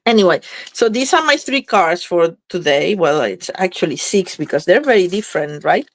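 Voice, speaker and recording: Lowish and sing-song, this slightly congested woman keeps a moderate pace as she chats through a live card-making session. She thinks aloud while working on her cards.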